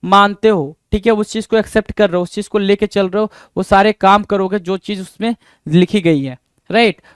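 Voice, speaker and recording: A high-voiced man teaches exam vocabulary in a clear, smooth tone. He keeps firing rhetorical questions at the class and answering them himself, repeating each key word. His voice sounds close and dry. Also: steady tone, moderate pace, no room sound. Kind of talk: exam-prep vocabulary lesson.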